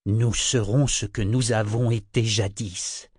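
A man voicing a large, weary old male serpent who speaks slowly and haltingly in a storybook reading. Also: fairly low pitch, fairly even intonation, a little mellow, breathy edge, no echo, studio quality. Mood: solemn. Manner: slow, halting, solemn.

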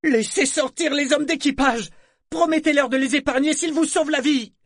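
A man voicing a frightened young boy who shouts orders on a ship in a storm, in a high, strained voice. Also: fairly quick, no room sound, studio quality. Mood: desperate shouting. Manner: high, strained, desperate yelling.

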